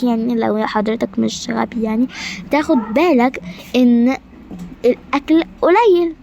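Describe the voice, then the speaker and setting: A woman with an Egyptian Arabic accent voicing a haughty, short-tempered queen who scolds her staff in rapid complaints. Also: fairly high pitch, darkish tone, a little hiss or hum, natural voice. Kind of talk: amateur game-animation drama voicing.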